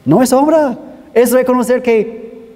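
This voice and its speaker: A man's voice: very high voice, a little slow, dark tone, big-room sound. A man preaching a sermon in an earnest, pleading manner, calling his listeners brothers.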